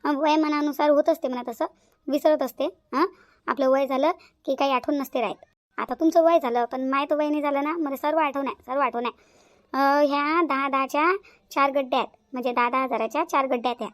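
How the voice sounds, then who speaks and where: A woman's voice: high-pitched, steady tone, no room sound, natural voice. A woman voicing a scheming young daughter-in-law in a cartoon, patronizing and bossy. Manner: patronizing, fast-talking. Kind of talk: cartoon voice acting.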